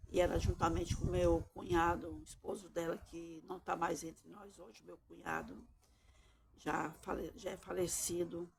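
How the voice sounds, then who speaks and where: A shy middle-aged woman giving a personal testimony, talking haltingly and often adding tag questions. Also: fairly low pitch, creaky, background noise. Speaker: testimony giver.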